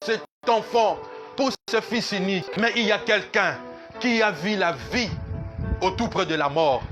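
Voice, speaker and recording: A man's voice: sits high, unhurried, over music. A man pastor, preaching a sermon at a church service in an emphatic, repetitive way that slips into sung lines.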